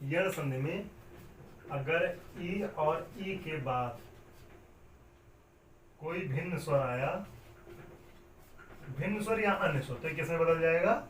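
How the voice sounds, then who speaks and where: A man with a high voice teaching grammar step by step. He keeps asking questions and then answering them himself. The sound is roomy and picked up from some distance off the mic. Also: slow pace, long pauses, fairly bright tone, a little hiss or hum. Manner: repetitive, explains step by step. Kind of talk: classroom lecture at a board. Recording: echoey room, mic at a distance.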